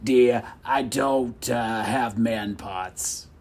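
A man's voice: mid-range voice, extremely slow. A man playing a prim older woman who keeps calling the caller "dear". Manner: soft, prim, says "dear".

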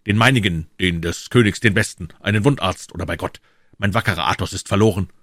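Guy doing a stern captain, gruff and bossy, lower voice, audiobook. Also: moderate pace, a bit bright, dry recording, clean studio sound. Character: stern older captain of the guard, commanding.

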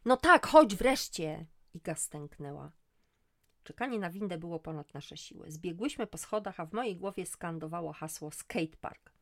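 A middle-aged woman reading a first-person story aloud, lifting her voice for the dialogue. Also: moderate pace. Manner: voices dialogue with lively rises in pitch. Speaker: audiobook narrator. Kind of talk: first-person audiobook narration.

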